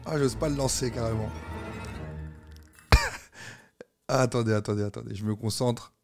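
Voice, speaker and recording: A man's voice: medium pitch, moderate pace, gravelly, over music. A man streaming live, chatting casually, joking in slang and laughing at himself.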